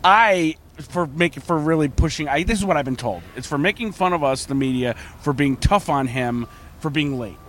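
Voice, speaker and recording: A man's voice: on the high side, lively intonation, moderate pace, fairly bright tone. A man giving opinionated, casual banter as a panelist on a sports talk show.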